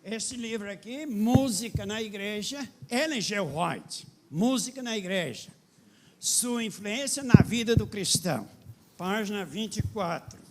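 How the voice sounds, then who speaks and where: A pastor with a strikingly high voice preaches an impassioned sermon, animated yet unhurried, addressing the congregation plainly and directly. His delivery swings into loud, emphatic questions, with slight background noise.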